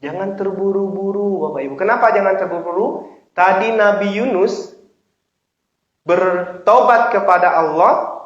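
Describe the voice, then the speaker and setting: A man's voice: sits high, measured pace, pauses often. A man preaching a sermon to a congregation, speaking animatedly and acting out the prayers of worshippers. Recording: echoey, dull lo-fi recording.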